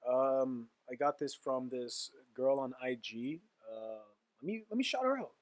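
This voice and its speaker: A man co-hosting a podcast in casual chat, playful and teasing and quick to laugh. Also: mid-range voice, animated, dry recording. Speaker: podcast co-host.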